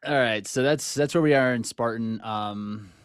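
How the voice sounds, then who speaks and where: A man's voice: mid-range voice, normal speed, smooth, no room sound, studio quality. A man co-hosting a podcast, chatting casually and running through race results. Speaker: podcast co-host. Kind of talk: casual chat.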